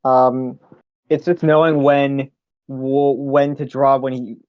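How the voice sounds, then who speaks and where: Flat-voiced, hesitant male analyst. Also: medium pitch, takes it slowly, no room sound, muffled recording. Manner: hesitant, many fillers and restarts. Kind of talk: casual game analysis.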